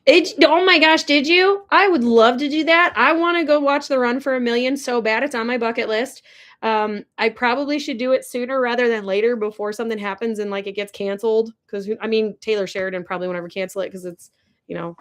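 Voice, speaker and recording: A woman's voice: a little high, a little fast, a bit bright. A young woman chatting casually on a ranch livestream, gushing and answering viewer comments. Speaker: livestream host. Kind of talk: casual live chat. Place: ranch barn or home.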